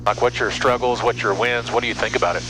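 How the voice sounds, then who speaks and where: Mid-range and steady, this American pilot's voice moves at a quick pace as he casually explains things for his vlog over loud engine noise. He's flying a small propeller airplane and speaking into an aviation headset. The intercom and strong engine hum are present throughout.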